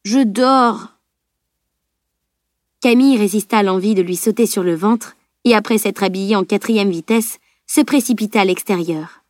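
A woman reading a fantasy novel aloud as an audiobook narrator, at a steady, measured pace. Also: medium pitch, dry recording, clean studio sound. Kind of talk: scripted narration.

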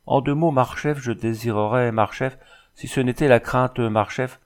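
A man's voice: medium pitch, moderate pace, pitched above the performer's own voice, natural voice. A man reading a boastful, fussy French army dragoon in an audiobook, raising his voice for the role. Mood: fawning. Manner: fussy, keeps repeating a title.

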